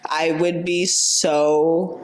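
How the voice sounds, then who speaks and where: A woman's voice: sits low, little pitch movement, extremely slow, slight background noise. A young woman co-hosting a podcast, chatting candidly with her partner, laughing often and filling her talk with "like". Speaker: podcast co-host. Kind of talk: casual chat.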